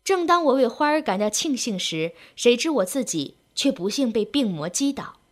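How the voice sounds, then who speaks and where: A woman's voice: a little high, very animated, normal speed. A woman reading a sentimental story aloud in an emotive storytelling manner.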